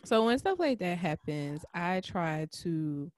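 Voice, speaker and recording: A woman's voice: on the low side, very animated, takes it slowly. A woman co-hosting a casual podcast chat, supportive and reflective, often affirming her partner. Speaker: podcast co-host.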